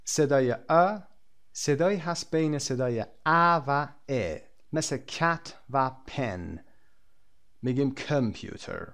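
A man with a Persian accent, a native Persian speaker, recording an English lesson for a textbook, explaining and then saying English words and model sentences slowly and deliberately. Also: mid-range voice, animated, fairly bright tone. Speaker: English teacher.

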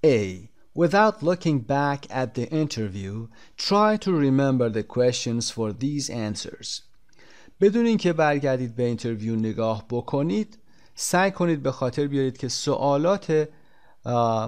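A man's voice: mid-range voice, darkish tone. Man teaching English words. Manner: reads English words slowly and carefully, explains quickly in Persian. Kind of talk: bilingual textbook lesson.

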